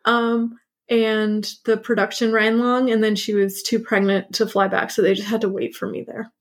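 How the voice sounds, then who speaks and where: A woman's voice: on the high side, flat delivery, moderate pace. A woman in her thirties, an actor, chatting as an interview guest, laughing often and using many fillers. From born in Hungary, grew up partly in New York and Montreal. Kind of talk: casual interview chat.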